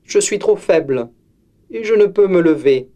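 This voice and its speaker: A man's voice: high-pitched, expressive, unhurried, warm tone, pitched above the performer's own voice. Man voicing a frail old grandmother. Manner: weak and pleading.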